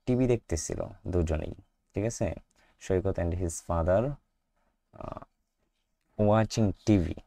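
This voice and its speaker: A low-voiced man with a Bangladeshi Bengali accent, teaching young pupils English. He speaks in an unhurried, dark tone, stretches English phrases out word by word and drills sounds again and again. His voice sounds close and dry. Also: vocal fry, no room sound. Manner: switches to slow, drawn-out English phrases and repeats sounds for practice; asks the class questions and answers them himself. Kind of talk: class five English lesson explained in Bengali.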